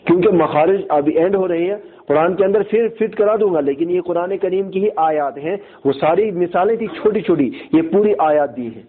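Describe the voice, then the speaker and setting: High-voiced male tajweed teacher, tinny audio. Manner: explains rules, asks checking questions, recites slowly in a chanted voice. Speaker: Quran recitation teacher. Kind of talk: tajweed lesson, explaining and chanting verses.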